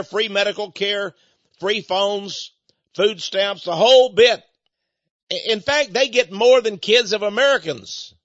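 High-voiced man ranting indignantly. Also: fairly bright tone, no echo. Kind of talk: political commentary monologue. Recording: dull, dry lo-fi recording.

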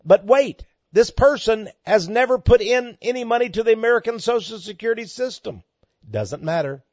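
A man's voice: sits high, animated, moderate pace, a little mellow, no room sound. A man hosting a ministry program, reading listener letters aloud and answering them in an emphatic preaching way, his voice climbing sharply when he gets worked up. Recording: dull lo-fi dry recording.

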